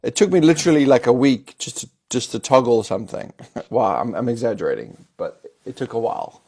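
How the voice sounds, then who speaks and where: Man, gravelly, easygoing host of tech chat, thinks aloud and teases. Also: mid-range voice, lively intonation, a little fast, a little mellow. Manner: thinking aloud, hesitant restarts, teasing. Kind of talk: casual technical discussion.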